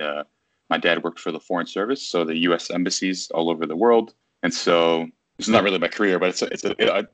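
Here a thirtysomething baseball writer from Virginia talks loosely on a video call from his apartment in the city, often revising himself mid-sentence. The voice is low with a fairly bright tone and no echo. His delivery wanders and is packed with fillers and self-corrections.

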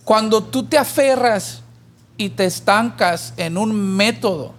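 Taking it slowly, a high-pitched male co-host of a church podcast tells a parable, teaching in a conversational way. He's animated in the telling and raises his voice for the character who pleads.

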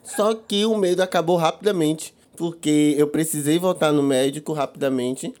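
Bahian man in his 30s hosting a podcast; crude, self-mocking comic storyteller with a slightly raised pitch. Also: normal speed, a little mellow. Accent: Bahian Portuguese. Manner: profane, self-mocking, laughs while telling. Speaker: podcast host.

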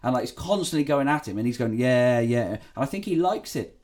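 A man's voice: mid-range voice, animated, fairly quick, a crowd in the background. A man co-hosting a casual podcast, rambling and swearing freely as he tells a story. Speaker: podcast co-host. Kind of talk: casual true-crime podcast chat.

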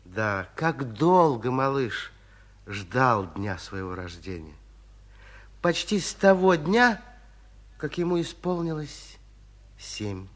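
A man narrating a 1950s radio fairy tale as a kindly storyteller, gentle and expressive. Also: medium pitch, slow, pauses often. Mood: dreamy, unhurried. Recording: 1950s radio drama recording.

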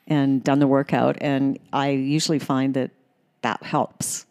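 A woman's voice: extremely low pitch, level tone, measured pace, a little mellow, clear, resonant tone. A woman who is a gym member, chatting casually with hesitant restarts and easy laughter. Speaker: gym member being interviewed. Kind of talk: casual chat.

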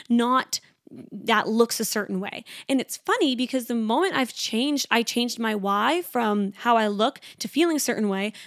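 A young woman in her twenties hosting a casual solo podcast, talking fast and chatty with lots of "like" fillers. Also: on the high side, no room sound, clean studio sound. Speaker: podcast host.

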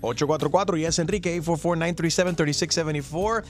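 A man hosts a morning radio show in a studio, his voice a bit above the usual male pitch. He banters playfully and slips English phrases in. Soft music runs under his talk. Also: quick pace. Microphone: studio microphone.

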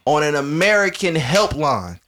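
A man's voice: on the high side, big pitch swings, measured pace, background noise. A young man co-hosting a podcast, complaining bluntly and sounding exasperated. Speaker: podcast co-host. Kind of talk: casual chat.

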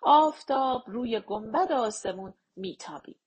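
Expressive woman storyteller, breathy voice. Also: a little high. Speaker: narrator. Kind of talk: storybook narration.

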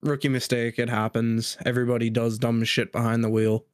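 A man's voice: medium pitch, little pitch movement, a little fast, dry recording. A man co-hosting a casual podcast, throwing in dry, profane wisecracks. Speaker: podcast co-host.

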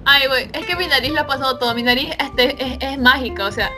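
Young woman, high voice, animated storyteller, faint background music. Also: fast talker. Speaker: podcast co-host. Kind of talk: casual storytelling chat.

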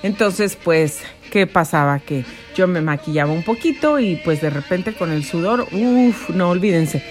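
A middle-aged woman from Mexico telling a personal story, animated and dramatic with many exclamations. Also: lowish voice, measured pace, faint music behind. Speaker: podcast host.

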